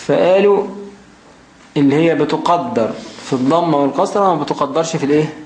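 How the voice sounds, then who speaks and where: A man with an Egyptian Arabic accent explaining a grammar text. He reads it out slowly, then keeps asking rhetorical questions as he goes. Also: fairly high pitch, a little mellow. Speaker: grammar teacher. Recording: roomy echo, faint background noise.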